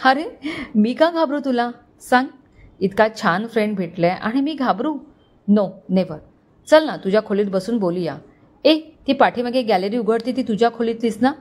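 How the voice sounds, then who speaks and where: A woman doing a calm, composed young man. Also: fairly high pitch, moderate pace. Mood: easygoing. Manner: easygoing, controlled.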